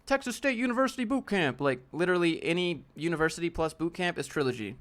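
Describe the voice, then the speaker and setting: An animated man in his late twenties with a youthful, fairly bright voice on the high side talks fast. As a live-stream host, he keeps a relaxed, joking Q&A going by reading viewers' questions aloud.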